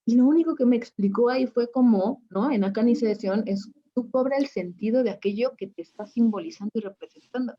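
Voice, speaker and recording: A woman's voice: fairly high pitch, fairly quick, few pauses, muffled recording. A woman who works as a spiritual coach, telling a personal story in an interview and acting out her own past reactions.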